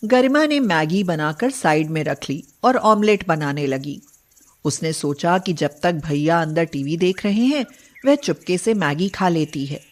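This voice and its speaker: A woman's voice: fairly low pitch, lively intonation, measured pace. A woman narrator reading a scripted moral story.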